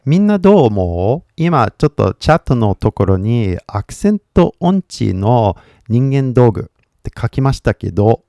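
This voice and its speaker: A man's voice: mid-range voice, very animated, unhurried, gravelly, mellow, no echo, studio quality. A man who is a native English speaker, chatting casually on a livestream as an English teacher, rambling and switching between Japanese and English with frequent laughter.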